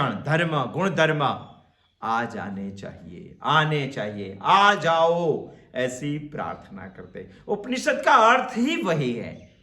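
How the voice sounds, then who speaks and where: A man giving a slow spiritual discourse on scripture, repeating his phrases for emphasis and chanting verses. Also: a little high, sharp tone, reverberant. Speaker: Upanishad teacher.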